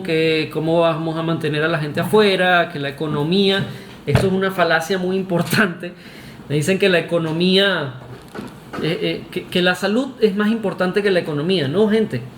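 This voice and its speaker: A man's voice: on the high side, a little hiss or hum. Argumentative Venezuelan man in echoey room. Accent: Venezuelan Spanish. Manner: argumentative, emphatic, with filler "este" and restarts. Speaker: vlogger. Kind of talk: opinion monologue to camera.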